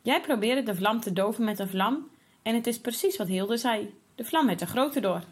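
A woman voicing a patient, firm mother who gently explains a lesson in a children's story. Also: on the high side, animated, moderate pace, husky. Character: calm, patient, wise mother.

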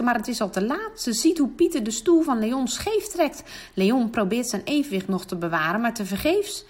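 A woman reading a children's story aloud, giving the children's calls lively, high voices.

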